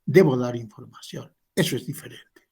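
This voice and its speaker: A man's voice: mid-range voice, normal speed, gravelly, a little mellow, slightly rough. A man teaching an English class, patiently explaining and modeling questions.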